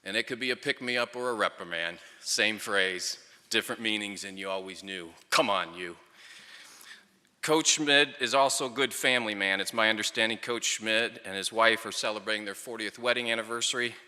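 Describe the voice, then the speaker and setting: A man's voice: on the low side, brisk, bright, forceful tone, clear, resonant tone. A middle-aged man giving a storytelling tribute speech at a ceremony, with wry, dry humour. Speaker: speaker at a ceremony, former player and coach. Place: large hall or venue, speaking to an audience at a microphone. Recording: echoey hall with long reverb.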